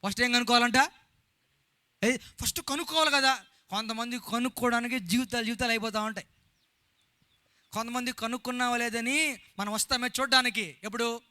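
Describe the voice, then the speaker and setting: A man preaching a sermon as a pastor with a Telugu accent, loud and emphatic, calling out hallelujah and reading scripture slowly. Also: very high voice, fairly even intonation, clean tone, no room sound, clean studio sound.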